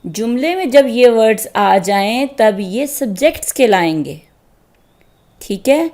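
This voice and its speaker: A woman's voice: fairly high pitch, darkish tone. A woman teaching beginners English grammar, explaining step by step and checking in with her listeners. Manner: patient, repeats "theek hai" to check understanding. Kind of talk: slow step-by-step grammar lesson.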